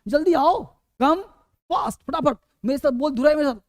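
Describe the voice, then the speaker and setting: A man's voice: very high voice, a little fast, no echo, clean studio sound. A man teaching spoken English in a lesson, repeating short phrases and asking questions he answers himself. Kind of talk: classroom-style lesson.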